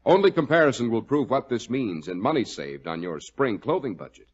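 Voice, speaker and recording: An American man announces in a scripted 1940s radio style, giving a polished, emphatic sales pitch. His mid-range voice is slightly rough, fairly quick, and swings widely in pitch, and the vintage 1940s radio recording sounds dull.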